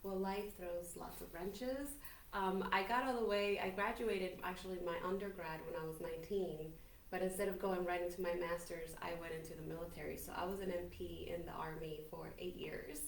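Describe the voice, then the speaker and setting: A woman's voice: lowish voice, fairly even intonation, moderate pace, gravelly. Woman, 40s, native Spanish speaker from Colombia, upbeat storyteller, roomy echo, distant mic. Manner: chatty, upbeat, self-assured storyteller. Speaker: podcast guest, business owner. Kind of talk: casual interview talk. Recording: roomy, from off-mic, faint hiss.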